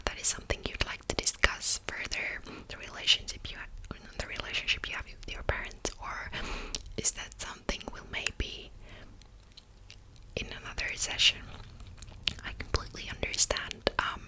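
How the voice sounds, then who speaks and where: Whispered role-play: woman as attentive female psychologist, fully whispered and breathy, patient active listener, gentle questions with thoughtful pauses. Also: close to an everyday voice, poor audio.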